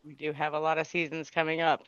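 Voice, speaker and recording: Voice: medium pitch, little pitch movement, fast talker, fairly bright tone, clear, resonant tone, no room sound. A podcast co-host in casual chat, matter-of-fact with a dry wit, on a dull lo-fi mic.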